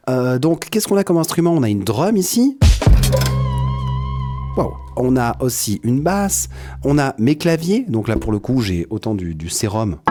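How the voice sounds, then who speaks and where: A man with a French accent giving a relaxed, hesitant live-stream tutorial on his music setup from his home studio. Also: medium pitch. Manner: explanatory, with frequent hesitations and "hop" interjections.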